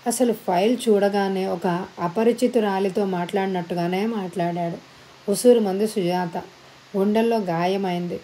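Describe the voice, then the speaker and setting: A woman narrating an audiobook story with measured, dramatic phrasing. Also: medium pitch, steady tone, warm tone, a little hiss or hum, low-quality recording.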